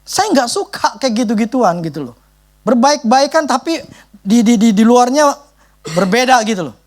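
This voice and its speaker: Animated, emphatic male preacher. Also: very high voice, moderate pace. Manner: emphatic, conversational, repeats "gitu loh". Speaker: pastor. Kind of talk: sermon.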